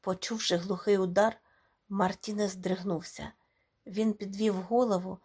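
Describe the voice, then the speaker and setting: A woman's voice: mid-range voice, measured pace, slightly rough. Woman narrating a storybook expressively. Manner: expressive, dramatic reading. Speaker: audiobook reader. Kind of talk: scripted narration.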